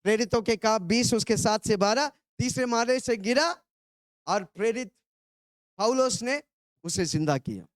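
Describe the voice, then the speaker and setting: A high-pitched man from India preaching, leading his listeners in call and response. He keeps urging them to shout phrases back and breaks into hallelujahs. The sound is close and dry. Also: lively intonation, measured pace, dry recording. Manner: urges the congregation to repeat phrases, shouting hallelujahs.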